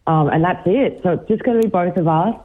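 A young Australian woman from Brisbane, a musician, talking excitedly in a radio interview, often restarting and giggling. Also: fairly low pitch, quick pace. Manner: bubbly, giggly, many restarts. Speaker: musician guest. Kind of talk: phone interview on breakfast radio. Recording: tinny phone line.

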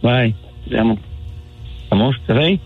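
A man with a husky, gravelly voice sweet-talks his fiancée on the phone, easygoing and a little hesitant. Soft music plays faintly behind him in the studio. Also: mid-range voice, moderate pace, narrow, tinny audio. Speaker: radio caller pranking his fiancée. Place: radio studio.

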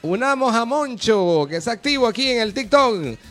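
A high-pitched Honduran man working as a radio host and running a live call-in show. He greets listeners one after another in a chatty, friendly way, and light music plays behind him. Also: animated, moderate pace, fairly bright tone.

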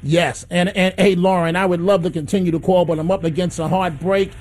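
A man with a notably high voice hosts a call-in radio show, sneering and combative as he mocks his targets. His delivery is sarcastic and opinionated throughout. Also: steady tone, fairly quick, darkish tone. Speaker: radio talk show host.

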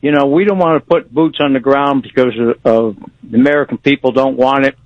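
A man in his seventies calling in to a radio show over a phone line, talking in a halting way with repeated words and restarts. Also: medium pitch, steady tone, dry recording. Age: 70s. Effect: caller heard over a phone line on a radio show. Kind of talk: casual call-in chat.

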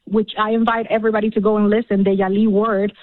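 A woman's voice: mid-range voice, little pitch movement, quick pace. A woman from Cuba, a radio show guest, talking earnestly and passionately with many fillers. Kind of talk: radio interview. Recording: tinny phone line.

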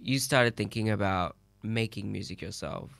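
Gravelly low-voiced male interviewer. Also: moderate pace, fairly bright tone, dry recording. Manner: curious, encouraging, asks long questions. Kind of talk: interview questions.

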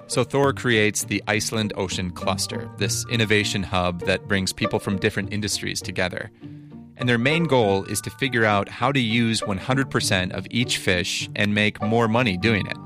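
A man's voice: on the low side, moderate pace, music in the background. A man narrating a scripted news feature in a conversational, explanatory way. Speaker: reporter narrating.

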